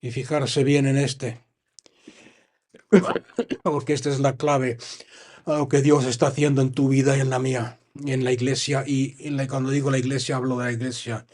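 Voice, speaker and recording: A man with a Spanish accent from Spain, preaching a sermon and reading Bible verses aloud, with frequent pauses to comment and stress his points. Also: mid-range voice, little pitch movement, a little mellow. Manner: reads scripture, then stops to comment and stress points. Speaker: pastor.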